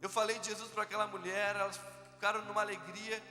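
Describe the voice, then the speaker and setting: High, bright man preaching in an echoey hall. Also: level tone. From southern Brazil. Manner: vivid storyteller, slows for prayer quotes. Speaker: preacher giving a testimony. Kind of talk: testimony sermon at a youth event. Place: large church hall. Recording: echoey hall with soft music.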